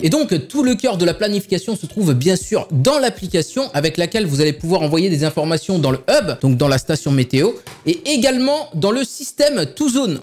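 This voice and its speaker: A man hosting a tech channel, chatting casually through a product unboxing in his home office, with joking asides to viewers. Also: high-pitched.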